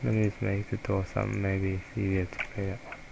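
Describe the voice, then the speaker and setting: A young man with a German accent, a German native speaker, giving a halting, self-correcting software tutorial over a screen recording. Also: on the low side, monotone, gravelly, noisy background. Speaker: student presenter.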